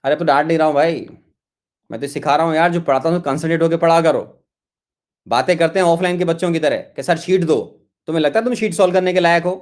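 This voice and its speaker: An online chemistry lecture is led by a high-voiced, middle-aged Indian man talking at a quick pace. Fed up with what students ask in the chat, he scolds them, circling back to the same rebukes repeatedly.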